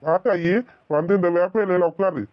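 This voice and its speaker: A woman voicing a calm, dry-witted male village priest in a cartoon, soothing with sarcastic asides. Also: lowish voice, moderate pace, dry recording, natural voice. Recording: dull lo-fi recording.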